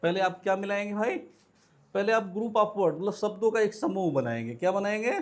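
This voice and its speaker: A man's voice: high-pitched, brisk, soft background music. A man teaching a grammar lesson to students in a classroom lecture, who asks and answers his own questions and repeats the key words. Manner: calls students "beta". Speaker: English teacher.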